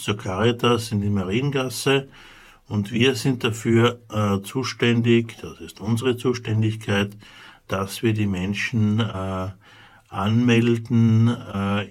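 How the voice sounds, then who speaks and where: A man with an Austrian accent, a charity official, explaining in a measured way with frequent hesitations. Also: fairly low pitch. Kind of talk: radio interview answers.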